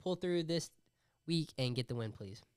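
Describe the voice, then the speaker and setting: A young host with a lively, up-and-down voice, slightly high and very clear. The sound is dry and close, with a loose, casual way of talking. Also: male voice, moderate pace, no echo. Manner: lively, swears casually, reads out matchups. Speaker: podcast host running the picks. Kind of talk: casual sports chat.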